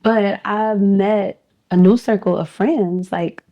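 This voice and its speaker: A woman talking with friends in a casual, chatty roundtable, often laughing and quickly agreeing. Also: medium pitch, fairly even intonation, dull audio. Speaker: podcast guest.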